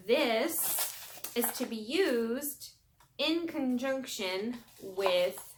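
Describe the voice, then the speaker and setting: A young woman reviews makeup in an unhurried, casual vlog voice. She chats and muses to herself, with many fillers between her thoughts. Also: medium pitch. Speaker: beauty vlogger.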